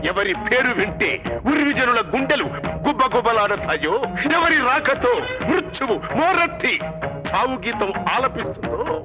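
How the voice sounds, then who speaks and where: A man's voice: extremely high pitch, very animated, normal speed. An actor playing a proud, thundering male god of death and king of hell, declaiming in grand archaic speech. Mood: wrathful. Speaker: actor in a film. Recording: film soundtrack with loud music.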